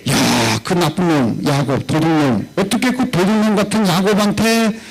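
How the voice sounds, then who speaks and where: A middle-aged man with a Chungcheong accent, preaching a revival sermon in a lively way, acting out quoted voices and swinging between raised and low tones. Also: moderate pace, husky, rough recording. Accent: Chungcheong Korean. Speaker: pastor. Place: church revival meeting hall.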